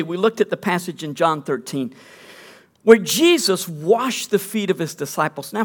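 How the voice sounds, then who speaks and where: A middle-aged male pastor giving a conversational sermon, mixing teaching with joking, self-deprecating asides. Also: sits high.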